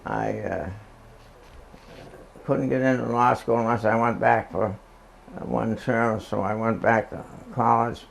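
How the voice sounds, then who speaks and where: A very old man, recalling the past in a halting, hesitant oral history interview. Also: medium pitch, fairly even intonation, vocal fry, a little hiss or hum, poor audio.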